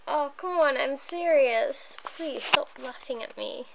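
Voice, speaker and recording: A woman's voice: sits high, slow, gravelly, heavy background noise. A woman vlogging into her phone camera, rambling and giggling self-consciously as she keeps getting sidetracked. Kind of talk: rambling casual vlog. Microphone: phone camera filming close up. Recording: dull lo-fi phone recording.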